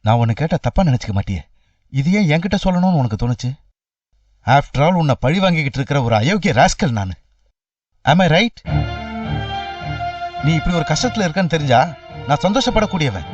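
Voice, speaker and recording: An actor playing a proud, wounded middle-aged father who talks in a mocking way, in a television serial. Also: on the high side. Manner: mocking, mixes in English phrases. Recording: distant dull TV audio with background score.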